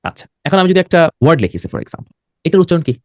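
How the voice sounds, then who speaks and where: Animated Bangladeshi man teaching English. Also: a little high, quick pace, no echo, clean studio sound. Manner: animated, mixes English and Bengali, quizzes students. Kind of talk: classroom lesson.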